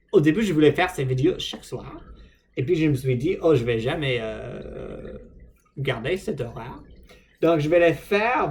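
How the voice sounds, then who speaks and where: American man, English native, unscripted French vlog; animated pitch, hesitant and self-mocking. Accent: American, speaking French as a learner. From United States. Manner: hesitant, many fillers and restarts, self-deprecating. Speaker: vlogger.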